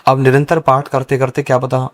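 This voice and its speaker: A man's voice: mid-range voice, completely flat delivery, normal speed. A young man, a priest by calling, explaining at length and earnestly in a casual podcast conversation. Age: young adult. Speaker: guest, young Brahmin priest.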